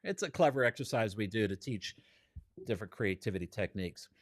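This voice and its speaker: A male creativity trainer giving a keynote-style talk, his pitch rising and falling in lively swings as he tells stories. He chuckles along and acts out what people said. His voice is close and dry, with no room echo. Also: fairly quick. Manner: animated storyteller who chuckles and acts out what others said. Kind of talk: keynote-style teaching with anecdotes.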